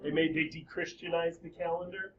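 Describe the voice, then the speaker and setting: Male teacher, lively and joking, high voice, slightly muffled classroom recording with faint hiss. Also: fairly quick. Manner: lively, joking, quizzing students. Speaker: high school history teacher. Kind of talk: classroom lecture.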